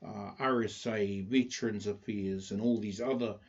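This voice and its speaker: A man with a Māori New Zealand accent hosting a casual live chat, speaking haltingly with many pauses. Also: on the low side, steady tone. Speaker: livestream host presenting a community project. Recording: dull lo-fi livestream audio.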